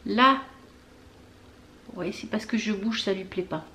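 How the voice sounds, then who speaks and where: A woman hosting a knitting video podcast from home, chatting casually with many fillers, pausing to search for words and things. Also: mid-range voice, pushed and bright. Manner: chatty, talks straight to viewers. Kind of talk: casual show-and-tell chat.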